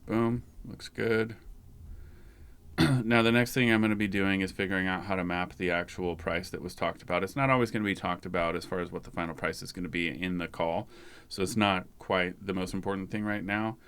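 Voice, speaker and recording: Low, smooth-voiced man explaining software. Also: fairly even intonation, a little fast. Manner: loose, rambling, conversational. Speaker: tech channel host. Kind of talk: casual screen-share tutorial.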